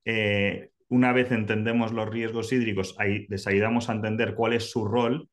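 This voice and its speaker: Low-voiced man explaining. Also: little pitch movement. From Barcelona, Spain. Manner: measured, explanatory, with "eh" fillers. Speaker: guest consultant. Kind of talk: expert explanation.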